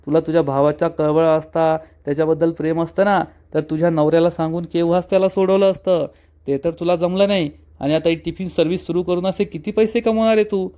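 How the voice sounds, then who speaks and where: A man voicing a sharp-tongued sister-in-law who taunts and scolds, retold in a serial recap. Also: a little high, steady tone, fast, clear, resonant tone, lightly acted. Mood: scolding.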